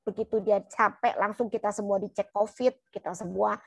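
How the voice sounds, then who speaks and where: A woman's voice: medium pitch, fairly even intonation, a little fast, creaky, husky, dry recording. A woman telling a personal testimony in church in an earnest, colloquial storytelling manner, often turning to her listeners. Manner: earnest, keeps addressing listeners as "brothers and sisters". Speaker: church member giving testimony.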